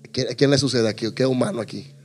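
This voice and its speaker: A man preaching a humorous sermon to his congregation, animated and jokey, acting out little scenes. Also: medium pitch, very fast, soft background music. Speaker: pastor.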